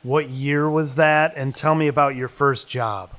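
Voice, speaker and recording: A man's voice: on the high side, fairly even intonation, unhurried, a bit bright. A man hosting a casual podcast interview. He keeps things friendly and prompts his guest with short, simple questions. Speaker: podcast host, chef.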